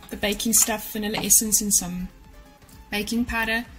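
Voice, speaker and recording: With a steady, fairly bright mid-range voice at normal speed, a woman in her thirties gives viewers practical cleaning and organizing advice from her home kitchen. This cleaning vlogger keeps it chatty and direct in a casual how-to to camera, with faint music behind her.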